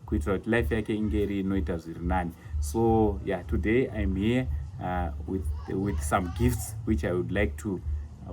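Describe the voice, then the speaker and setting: A man's voice: sits low, darkish tone, slight background noise. A man with a Zimbabwean accent, talking casually and encouragingly to his viewers as a vlogger. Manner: upbeat, encouraging, chatty. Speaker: vlogger presenting gifts. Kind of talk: casual vlog talk mixing Shona and English.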